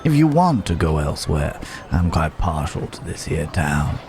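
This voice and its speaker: In an intimate ASMR Wild West roleplay, a man plays a rugged, protective cowboy drifter, drawling, teasing and reassuring with pauses between thoughts. His bass voice is sing-song and darkish, the mood relaxed and reminiscent, with a little hiss or hum underneath.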